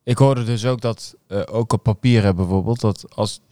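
A man co-hosting a podcast, calmly explaining technical points in casual talk. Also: fairly low pitch, normal speed, dry recording, clean studio sound. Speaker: podcast co-host. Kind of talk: casual chat.

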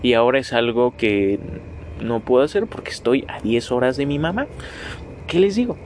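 A nineteen-year-old man with a Mexican Spanish accent rambles through a casual solo podcast, joking at his own expense and cursing freely. His voice sits at an ordinary middle pitch for a man, and a faint hiss of noise hangs behind him. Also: expressive, moderate pace, darkish tone. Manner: rambling, self-mocking, swears freely, talks to listeners directly. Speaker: podcast host.

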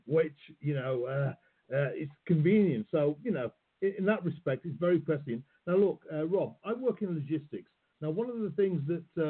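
A man hosting an interview, asking questions in a halting, hesitant way, heard over a phone-like call line. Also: fairly high pitch. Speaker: podcast host. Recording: husky voice on tinny phone-like call.

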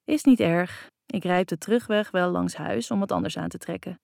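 A woman reading the lines of a playful, flirty grown man in an audiobook, in a relaxed, teasing way. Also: high voice, moderate pace, vocal fry, no room sound, studio quality. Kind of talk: audiobook character voice.

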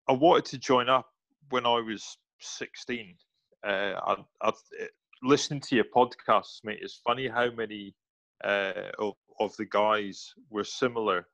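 Podcast guest: Highland Scottish man, gravelly voice, matey casual storyteller, close dry sound. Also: fairly bright tone, no echo, dull audio. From Highlands of Scotland, near Inverness. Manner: informal, matey, self-deprecating. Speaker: podcast guest, military veteran. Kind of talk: casual chat, personal storytelling.

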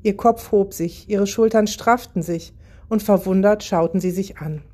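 A woman narrating a children's Christmas story in a calm, even reading style. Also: mid-range voice, moderate pace.

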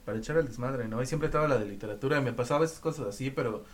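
A young man with a Mexican Spanish accent talks loosely on a podcast, heavy on slang and quick laughs. His voice sits at an ordinary middle pitch for a man, and his sentences drift and break off as he goes. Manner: slangy, laughs a lot, trails off mid-sentence. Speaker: podcast co-host. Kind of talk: casual chat.

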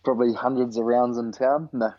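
A man's voice: medium pitch, level tone, brisk, muffled recording. A young man with a broad New Zealand accent, answering interview questions casually in short, slangy phrases. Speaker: interview guest, rugby player. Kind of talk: casual chat.

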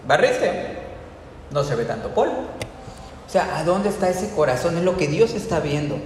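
A man's voice: fairly high pitch, animated, moderate pace, darkish tone. A man preaching a sermon in a casual, conversational way, asking the congregation rhetorical questions. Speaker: pastor. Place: church. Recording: very echoey church hall, faint room noise.

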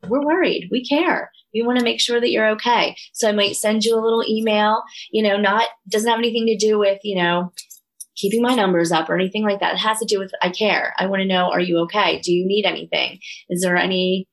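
A woman's voice: medium pitch, fairly even intonation, fast, rough recording. A middle-aged woman with a Delco, Philadelphia-area accent chats casually and enthusiastically as an interview guest. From Delaware County, Pennsylvania, US. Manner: earnest, enthusiastic. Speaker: yoga studio owner, interview guest.

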